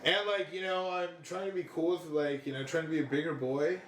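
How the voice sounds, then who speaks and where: A man's voice: on the high side, fairly even intonation, a little fast, reverberant, a little hiss or hum. A young man co-hosting a podcast in casual chat, rambling and swearing a lot, laughing often. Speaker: podcast co-host.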